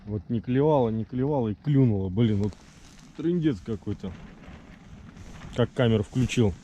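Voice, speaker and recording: A man's voice: mid-range voice, lively intonation, moderate pace, warm tone. A man hosting an ice-fishing vlog, chatting casually in colloquial, grumbling speech with mild slang curses, with wind hitting the mic. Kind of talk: casual vlog chat to camera while fishing. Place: windy frozen outdoors, in and around a fishing tent. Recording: noisy outdoor recording, wind on mic. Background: wind and outdoor noise.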